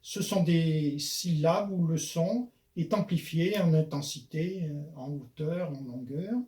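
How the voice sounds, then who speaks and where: A man giving a measured spoken lesson on poetry, pausing often with hesitation fillers. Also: on the high side, mellow. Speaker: poetry lecturer and author-declaimer.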